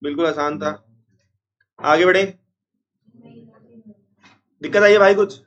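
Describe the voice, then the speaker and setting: A man teaching an accounts class, unwell with a strained chest, repeating formulas slowly and scolding noisy students. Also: on the high side, fairly bright tone, muffled recording. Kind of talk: classroom lecture.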